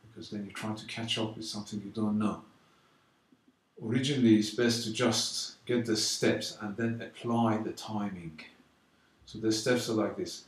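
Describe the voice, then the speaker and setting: Low-voiced man teaching drums in an echoey room. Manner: counts beats aloud loudly and slowly between calm explanations. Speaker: drum teacher. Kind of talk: casual drum lesson. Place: London. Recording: roomy echo, mic at a distance, drumming.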